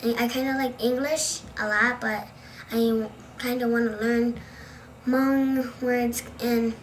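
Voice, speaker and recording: Teen girl from the states, a bit high and flat, halting, faint room hum. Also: poor audio. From United States. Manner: halting, unsure. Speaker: interviewee. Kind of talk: personal testimony in a documentary interview.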